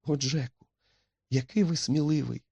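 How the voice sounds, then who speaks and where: A man's voice: a little high, moderate pace, vocal fry, mellow, slightly rough, dry recording, dull audio, voice pushed up. A man putting on a frightened pleading young woman. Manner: pleading, breathless.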